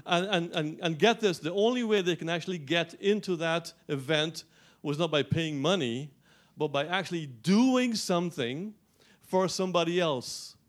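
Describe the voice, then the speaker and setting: A middle-aged man from Guyana preaching a sermon as pastor, animated, with frequent restarts and rising emphasis. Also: on the high side, moderate pace, few pauses.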